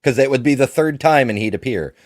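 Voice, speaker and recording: A man hosting a casual livestream chat, chatty and quick to laugh. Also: medium pitch, expressive, no echo, clean studio sound. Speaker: livestream host.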